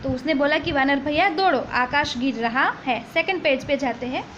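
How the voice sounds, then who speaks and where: Here a female teacher, her voice sitting high and a bit bright, goes through a textbook story one line at a time at a moderate pace. She mixes languages, repeats points, and often asks "ठीक है?" to check understanding, captured in dull lo-fi audio with faint noise.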